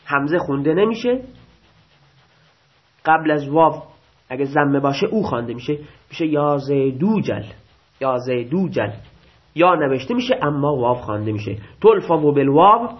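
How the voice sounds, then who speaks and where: In a dull lo-fi recording, a man lectures on grammar as a teacher, reading rules aloud and slowly restating them while frequently posing and answering his own questions. His voice is a little high, with big pitch swings.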